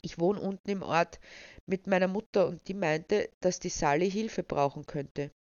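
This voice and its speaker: A woman voicing a shy, eager young village woman, soft and earnest, in a dull, dry recording. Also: lowish voice, normal speed, no room sound, close to an everyday voice.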